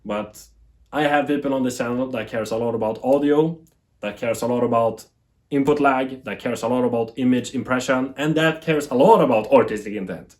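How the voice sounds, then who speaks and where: A brisk, mid-range voice belongs to a man from Sweden who speaks English as a second language with a Swedish accent. He's an animated, rambling TV tech YouTuber addressing the camera and poking fun at himself with laughter.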